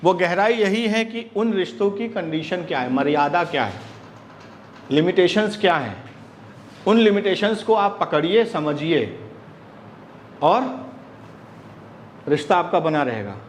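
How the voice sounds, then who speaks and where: A man teaching an acting class in a lively lecture style, acting out bits of dialogue with laughs along the way. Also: high voice, a little slow, pauses often, a little hiss or hum. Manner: animated, acts out quoted dialogue with laughs. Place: classroom with students.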